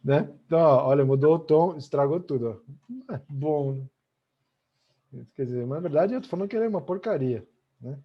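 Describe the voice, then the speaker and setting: Over a muffled video call, a middle-aged Brazilian man with a fairly high-pitched voice talks at normal speed. He's teaching a conversational language lesson online in a Brazilian Portuguese accent, attaching "né?" to nearly every sentence.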